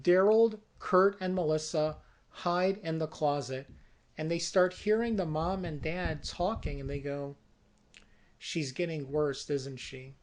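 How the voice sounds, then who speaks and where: A person pitching a comic horror movie in deliberate, dramatic narration. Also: darkish tone. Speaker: storyteller.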